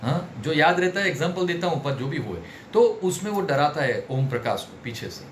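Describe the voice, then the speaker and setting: Trainer guy teaching public speaking, kinda high voice, roomy sound w faint hiss. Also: moderate pace. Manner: animated, theatrical, mixes Hindi and English. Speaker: personality development trainer. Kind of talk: online workshop lecture. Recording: roomy with faint background noise.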